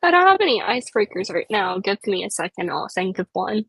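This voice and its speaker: A young woman appearing as a podcast guest, softly agreeing along in relaxed chat. Her voice is mid-pitched, and the recording is dry and close. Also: brisk, slightly rough, dry recording.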